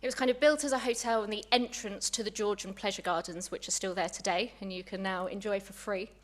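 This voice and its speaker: A woman's voice: mid-range voice, steady tone, fast. A young woman, a museum curator, giving a public lecture in a chatty, friendly way, a little out of breath. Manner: warm, chatty, apologetic asides. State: slightly out of breath.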